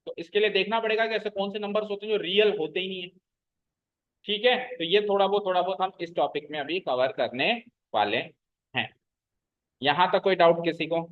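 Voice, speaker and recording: A man teaching a maths class, explaining slowly, repeating key terms and often checking whether the students follow. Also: high-pitched, phone-quality sound. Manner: checks understanding with frequent questions to the class. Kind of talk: classroom lecture.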